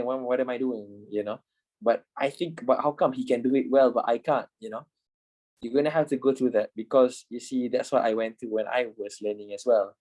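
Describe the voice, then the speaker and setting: In poor-quality audio, a man in his twenties from Malaysia, who teaches trading, speaks casually to an online class with repetition and offhand swearing. His pitch is medium and his tone darkish.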